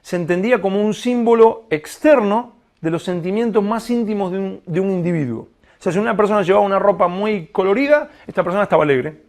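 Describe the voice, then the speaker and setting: A man preaching a sermon, animated, acting out quoted prayers and dialogue in his storytelling. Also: sits high, fast.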